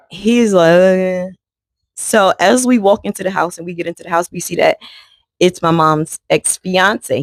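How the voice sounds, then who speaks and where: A woman's voice: lowish voice, no echo. A woman vlogger telling an emotional true story, talking casually to her viewers. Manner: conversational, addresses viewers as y'all.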